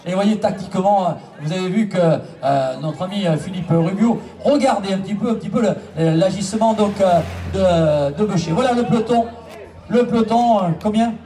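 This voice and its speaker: A man commenting a bike race live over a loudspeaker, repeating lap counts and urging the crowd to applaud. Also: sits high, normal speed. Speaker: race announcer. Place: outdoors at a roadside bike race. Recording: distant PA voice, outdoor ambience.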